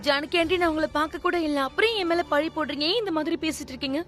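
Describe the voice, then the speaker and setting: A woman's voice: high voice, fast talker, a bit bright, faint music behind. An actress dubbing a young woman in a TV serial who feigns innocence when accused. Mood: defensive. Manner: defensive, protesting. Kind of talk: dubbed TV serial acting.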